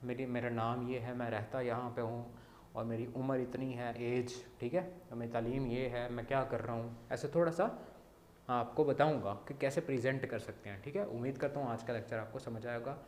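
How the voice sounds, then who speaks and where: Pakistani man, Mandarin teacher, mid-pitched, drills sounds slowly, checks in often, echoey room. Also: fairly even intonation, a little mellow, a little hiss or hum. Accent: Pakistani Urdu. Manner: repeats sounds slowly, many "theek hai" checks. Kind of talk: language lesson explaining words.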